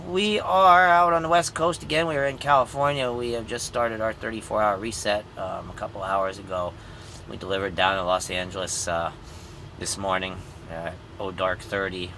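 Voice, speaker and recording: A tired truck driver and grandfather in his fifties gives viewers a rambling, easygoing vlog update from his truck cab, full of ums and recorded on a phone held at arm's length. His voice is low, bright, and forceful, with slight background noise.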